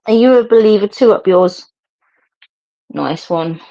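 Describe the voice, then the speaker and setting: A woman's voice: mid-range voice, animated, unhurried, dark tone. A middle-aged woman, chatting casually to viewers as a livestream host, rambling and laughing often. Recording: dull lo-fi stream audio.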